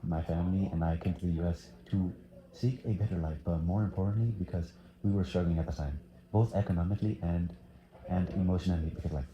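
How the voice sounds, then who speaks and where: A man's voice: sits low, steady tone, fast, mellow, roomy sound, lo-fi sound. A teenage boy from Thailand answering interview questions casually, hesitant with many fillers. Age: teens.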